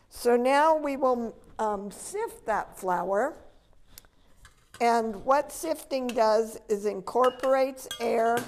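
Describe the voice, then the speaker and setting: A woman's voice: fairly high pitch, a little mellow. An older woman giving a patient, step-by-step cooking demonstration in a large demo kitchen, filmed from a distance. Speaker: extension educator.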